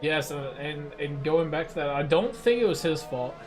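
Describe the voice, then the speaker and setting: Steady, measured young male race commentator. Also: a little high, music in the background. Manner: steady, explanatory, measured tactical analysis. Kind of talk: live sim-racing commentary.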